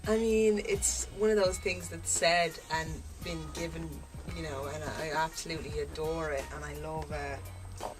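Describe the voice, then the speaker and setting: A young Irish woman, a singer, chatting in a relaxed interview and laughing easily. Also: low-pitched, normal speed, music in the background, poor audio. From Ireland. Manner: laughing, relaxed, self-deprecating. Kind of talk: casual interview chat.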